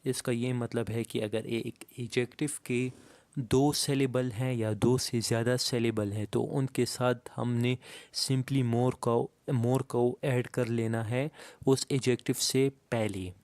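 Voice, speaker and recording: A man teaching English grammar, explaining slowly and reading each example sentence aloud word by word. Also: medium pitch, fairly even intonation, darkish tone, no echo. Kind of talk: explaining a lesson to students.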